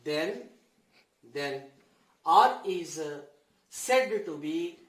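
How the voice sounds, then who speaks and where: A man with a high-pitched voice teaches a class at the board. He dictates slowly, phrase by phrase, often repeating himself. The room rings with echo around his words. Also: expressive, fairly bright tone. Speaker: mathematics teacher. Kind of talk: board lesson for senior school students. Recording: echoey room sound.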